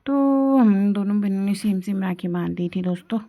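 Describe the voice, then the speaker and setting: Young woman vlogger, mellow and relaxed tone, chatty narration for her followers. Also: mid-range voice, moderate pace. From Indian hills. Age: young adult. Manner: chatty, showing and explaining to viewers. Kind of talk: casual family vlog narration.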